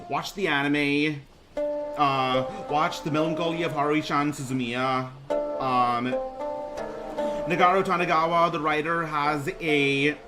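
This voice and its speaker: A young VTuber with a baritone voice introduces himself on his first stream, speaking hesitantly with frequent ums and restarts while music plays in the background.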